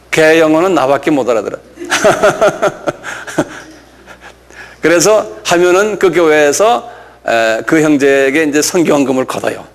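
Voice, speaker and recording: An older man, a pastor, telling a story in a casual, conversational way during a lecture sermon, often pausing to say "yes". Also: medium pitch. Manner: conversational, folksy storytelling with frequent "예" affirmations.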